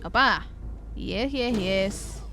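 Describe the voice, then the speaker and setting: A woman streamer with a Rioplatense accent giving casual gameplay commentary, reading game text aloud and swearing in excited outbursts. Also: mid-range voice, drawn-out words, soft background music. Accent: Rioplatense Spanish.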